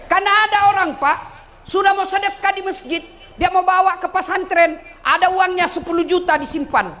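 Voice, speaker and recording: A man's voice: very high voice, steady tone, fairly quick, sharp tone. A man with a Bugis-Makassar Indonesian accent preaching a humorous sermon, joking with and teasing the audience. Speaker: Islamic preacher.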